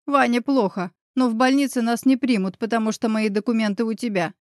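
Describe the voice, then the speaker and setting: A woman voicing an anxious older man, a guilt-ridden father who pleads urgently in a hoarse voice, in a read-aloud audiobook. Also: a little high, steady tone, a little fast, darkish tone, dry recording, clean studio sound, lightly acted. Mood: pleading.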